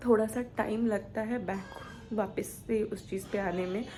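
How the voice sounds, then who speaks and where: A young woman vlogger talking quietly to her camera in a subdued, reflective way. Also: mid-range voice, steady tone, a little slow, faint music behind. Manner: subdued, soft-spoken and reflective. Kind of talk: personal vlog talk to camera.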